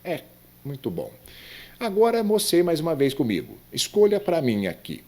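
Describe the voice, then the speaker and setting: A man's voice: fairly high pitch, huge pitch swings, moderate pace, dark tone. A man with a Brazilian accent giving a grammar lesson, quizzing the viewer and explaining each answer. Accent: Brazilian Portuguese. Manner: questions and quizzes the viewer, rising and falling emphatically. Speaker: Portuguese grammar teacher.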